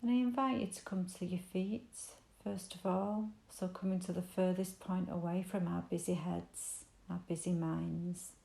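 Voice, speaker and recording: A guided body scan meditation is led by a woman whose mellow, creaky voice sits on the low side, with reverberant sound around it. She speaks in a soothing, very even, invitational way and lets unhurried pauses fall between her phrases.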